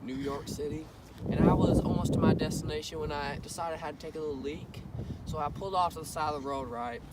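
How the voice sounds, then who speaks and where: A man playing a folksy country trucker, drawling and full of old-timey exclamations. His voice sits a little high. It is caught outdoors from afar, with wind buffeting the mic and traffic behind it. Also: steady tone, fast talker, recorded from a distance, natural voice. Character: folksy rural male trucker.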